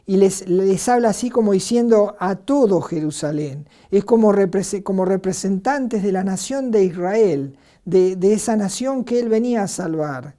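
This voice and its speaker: An Argentine woman preaching a sermon in an earnest way, asking rhetorical questions and pausing on filler words. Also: medium pitch, animated, mellow. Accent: Argentine Spanish.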